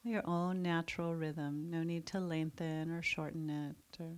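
A woman's gentle, calming voice guides listeners through mindfulness meditation. She talks at a very slow pace, letting long silences fall between phrases, in a slightly low, level tone.

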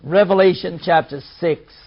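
A man's voice: high-pitched, normal speed. A man preaching a sermon, reading scripture aloud and explaining it with emphasis. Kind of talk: sermon, Bible teaching. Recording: dull lo-fi recording.

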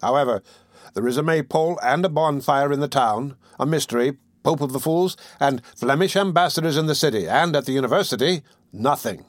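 A man voicing a mischievous young male student who taunts the crowd in a lively, mocking way. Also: medium pitch, a little fast, no room sound, studio quality, close to an everyday voice. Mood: cheeky.

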